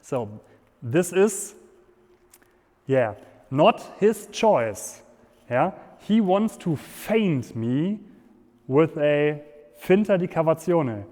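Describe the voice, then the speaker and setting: Slow-paced German-accented man in an echoing hall. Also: a little high, darkish tone. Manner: halting non-native phrasing. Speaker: fencing instructor. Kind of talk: instructional demonstration, explaining step by step. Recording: echoey hall with long reverb.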